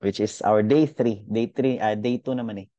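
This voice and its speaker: A man's voice: lowish voice, moderate pace, warm tone, no echo, lo-fi sound. Chatty young male teacher. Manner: chatty, code-switching, thinks aloud with fillers. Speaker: physics teacher. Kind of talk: casual online lesson.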